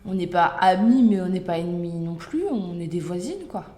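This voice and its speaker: A woman's voice: on the low side, animated, moderate pace, mellow, echoey room, a little hiss or hum, close to an everyday voice. A woman playing a neighbour in her forties, speaking casually and offhandedly. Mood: offhand. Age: 40s.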